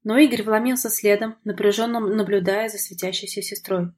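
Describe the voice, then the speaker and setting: A woman reading a novel aloud as an audiobook narrator, steady and expressive. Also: medium pitch, brisk, breathy edge. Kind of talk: scripted narration.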